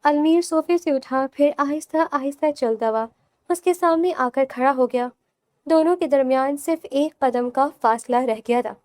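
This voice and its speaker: A woman narrating a romantic audio novel with steady, scripted storytelling. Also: sits high, dry recording, studio quality.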